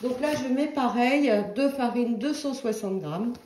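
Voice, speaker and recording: A woman's voice: on the high side, a little slow, a little mellow, reverberant, slight background noise. A woman giving a casual cooking demonstration in a home kitchen, talking in a chatty, hesitant way with many fillers.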